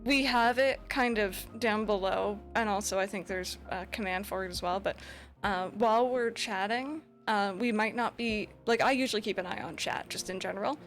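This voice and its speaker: A woman of middling pitch co-hosting a relaxed livestream podcast. She laughs easily and fills her speech with ums and likes. Soft music runs faintly underneath. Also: normal speed. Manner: giggly, many ums and likes. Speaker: co-host streamer. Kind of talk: casual stream chat.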